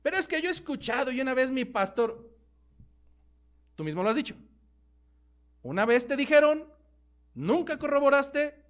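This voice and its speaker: A man with a Mexican Spanish accent preaching a sermon as pastor, emphatic, slowing down to stress key words. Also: sits high.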